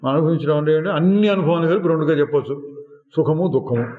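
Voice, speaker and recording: A man giving a slow, deliberate spiritual discourse, asking rhetorical questions and singing lines of verse now and then. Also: on the high side. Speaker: spiritual teacher. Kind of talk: satsang discourse. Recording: echoey hall, phone-like lo-fi sound.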